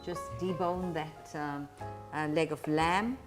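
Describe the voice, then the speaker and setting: A woman talks through a recipe step by step in a fairly low voice. She pauses and hesitates as she instructs. Music plays clearly behind her, along with the sizzle of frying. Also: fairly even intonation. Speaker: cooking show presenter. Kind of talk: cooking demonstration, explaining steps.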